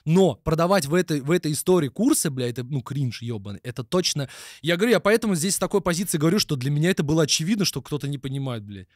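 A man's voice: fairly high pitch, animated, fast talker, darkish tone, no echo, studio quality. A man streaming live, ranting and mocking with constant swearing. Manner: heavy swearing, mocking, ranty. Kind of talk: live stream reaction rant.

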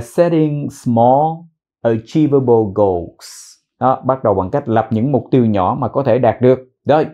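A man teaching English pronunciation, repeating words slowly and explaining in mixed Vietnamese and English. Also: mid-range voice, muffled recording. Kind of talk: pronunciation lesson.

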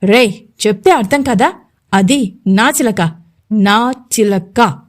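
A woman voicing a domineering, jealous male landlord who threatens his servant, slow and emphatic. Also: fairly high pitch, lively intonation, a little mellow. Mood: threatening.

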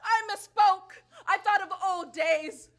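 Young woman playing a proud grieving foreign princess, bitter and tearful, drawn out slow, stage tragedy. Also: very high voice, raised voice. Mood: pleading. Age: young adult. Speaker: student stage actor.

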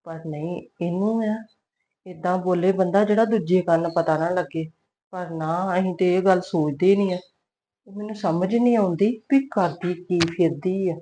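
A woman's voice: on the low side, mellow, close to an everyday voice. A middle-aged woman playing a suspicious mother-in-law in a web series drama, muttering scornful asides to herself. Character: suspicious, grumbling mother-in-law spying on her daughter-in-law.

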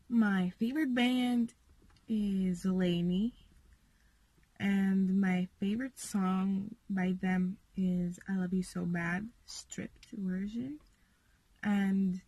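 A teenage girl from Latvia talks through a casual vlog intro, chatty and expressive. She speaks at an unhurried pace with a faintly husky tone, recorded on a phone inside a parked car. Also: medium pitch, dry recording, poor audio. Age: teens. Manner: chatty, gestures a lot while talking. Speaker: vlogger. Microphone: phone camera at arm's length.

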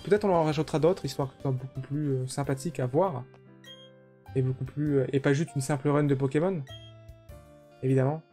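A young French man streaming a video game and chatting casually, relaxed, with fillers and the odd swear word. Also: mid-range voice, fairly quick, pauses often, soft background music. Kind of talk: casual chat.

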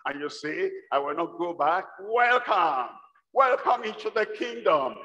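An older man preaching a sermon to a large congregation, with a rhythmic, repetitive style that builds to shouts. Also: on the high side. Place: large church hall with congregation. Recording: dull livestream sound in a reverberant hall.

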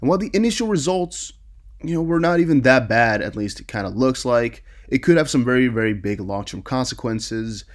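This crypto news YouTuber is a young adult man, Dutch by first language, with a brisk, expressive, medium-pitched voice. While casually going over articles and commenting, he tends to stumble and say words twice.

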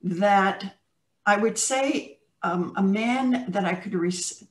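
Speaking in a mid-range voice, the older American interview guest reflects and tells stories over a video call, measured and thoughtful, pausing and restarting. The webcam sits at a distance in her plant-filled home room, giving a roomy sound.

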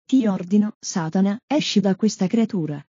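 A woman's voice: mid-range voice, animated, warm tone, husky, dry recording. A woman reading a stern exorcist priest. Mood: commanding. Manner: slow, solemn commands. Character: stern male exorcist priest commanding a demon. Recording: dull lo-fi dry recording.

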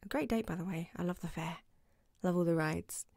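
In an intimate ASMR roleplay, a woman plays a playful, affectionate new girlfriend who is a proud martial arts instructor. Her lowish, slightly mellow voice is brisk, teasing and modest, giggly and sometimes dropping to a whisper. It's close-miked in a dry room with studio quality.

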